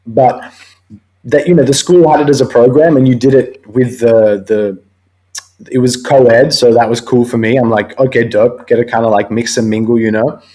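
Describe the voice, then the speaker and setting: A man's voice: medium pitch, steady tone, normal speed, dark tone, low-quality recording. A young man hosting a live talk show, chatting casually and laughing often. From Australia. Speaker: host. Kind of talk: casual chat.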